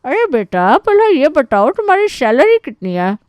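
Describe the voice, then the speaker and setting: A loud, bossy older aunt from an animated story, put on by a woman, fires off blunt, nosy questions with mocking scorn. The voice sits high and pushes loud, and the sound is dry and close. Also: normal speed, no room sound.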